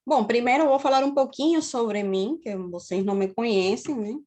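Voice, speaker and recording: A woman in her thirties from Cuba gives an online university lecture in a Cuban Spanish accent, her voice fairly high with a darkish tone and a moderate pace. She explains steadily and checks in with her students often. "Né?" frequently caps her phrases.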